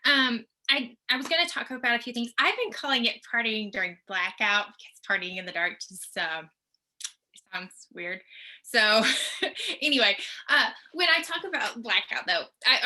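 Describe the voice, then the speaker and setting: A woman's voice: fairly high pitch, lively intonation, normal speed, bright, forceful tone. A middle-aged woman from the US Tornado Alley region gives a chatty, reassuring presentation from her home office over a video call, checking in with her listeners as she goes. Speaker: team member presenting.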